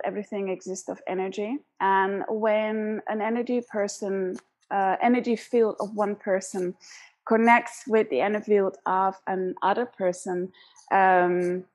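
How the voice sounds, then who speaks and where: A woman hosting a podcast interview over a remote call, talking in an earnest, reflective way. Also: medium pitch. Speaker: podcast host. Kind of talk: casual interview chat.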